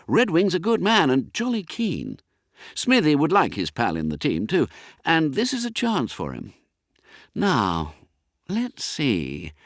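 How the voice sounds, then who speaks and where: A man voicing a worried schoolboy football captain, brisk and exasperated. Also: fairly high pitch, huge pitch swings, dry recording, clean studio sound, voice pushed up, full character voice.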